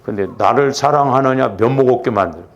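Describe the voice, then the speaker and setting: A man preaching a Friday night church sermon, animated, acting out little quarrels as he goes. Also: mid-range voice, fast. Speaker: pastor.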